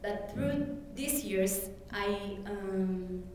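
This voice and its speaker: With a crowd audible behind her, a woman from Ethiopia tells her personal story in an event hall, in a mid-range voice. Amharic is her first language, and she halts often with fillers and restarts. The room is very echoey and the mic distant.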